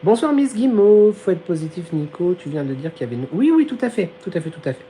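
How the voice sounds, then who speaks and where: A man chats on a live stream through his phone, his voice mellow and dark and starting to fail. He talks in a giggly, slangy way, with a fan humming faintly behind. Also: a little high, sing-song, fast talker, a little hiss or hum, rough recording. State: losing his voice. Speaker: live-stream host reading chat. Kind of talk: casual live chat.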